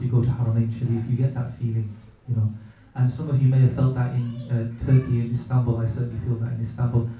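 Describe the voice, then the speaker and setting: A middle-aged man speaks in a deep, mellow, very dark tone, reverent and unhurried, often stopping on fillers as he gathers his thoughts. He sits at a distance from the mic, and a strong room echo surrounds each phrase. The delivery is a reflective religious talk. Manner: gentle, reverent, hesitant with many pauses and fillers. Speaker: speaker sharing personal experience.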